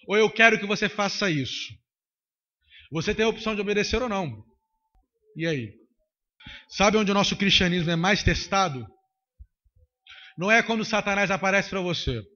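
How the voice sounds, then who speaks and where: A man's voice: sits high, expressive, normal speed, pauses often, bright, forceful tone. A man preaching a sermon into a handheld microphone, emphatic and repetitive. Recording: dull lo-fi recording.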